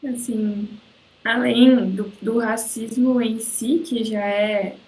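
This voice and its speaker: A woman's voice: on the high side, fairly even intonation, takes it slowly, darkish tone, poor audio. A woman with a Brazilian accent, a student speaking up in an online class, hesitant and searching for words. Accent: Brazilian Portuguese. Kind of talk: class discussion. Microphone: video call.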